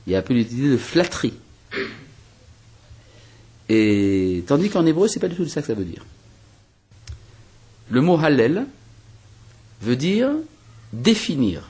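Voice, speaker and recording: A man's voice: medium pitch, sing-song, unhurried, long pauses, darkish tone, husky. A man from Algeria, a rabbi teaching a spoken lesson, explaining step by step with rhetorical questions and frequent restarts. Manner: hesitant restarts and fillers while reasoning.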